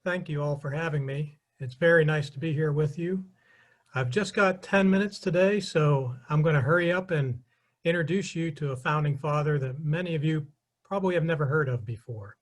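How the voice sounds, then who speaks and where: A middle-aged man giving a brisk history lecture with slides, addressing the audience directly and explaining clearly. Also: a little high.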